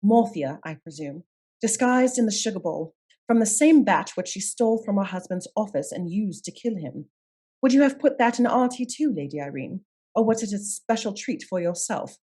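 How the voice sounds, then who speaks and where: A woman's voice: medium pitch, lively intonation, normal speed, warm tone, slightly rough. A woman playing a shrewd, assured lady detective in a period radio mystery, speaking formally and articulately as she sets out her case. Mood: calm, explanatory. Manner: articulate, formal, methodical accusing delivery. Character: shrewd, composed lady detective of Scotland Yard, commanding and assured.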